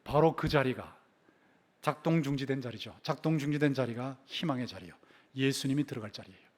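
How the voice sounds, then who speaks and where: A man's voice: mid-range voice, a little fast, a little mellow. An older man preaching a sermon as pastor, stressing words and then repeating them in a dropped voice. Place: church sanctuary.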